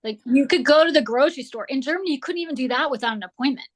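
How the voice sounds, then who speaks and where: Woman, guest author, slightly hoarse, higher voice, rambling chatty talk, lots of fillers. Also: very fast. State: slightly hoarse, losing her voice. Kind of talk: casual conversation.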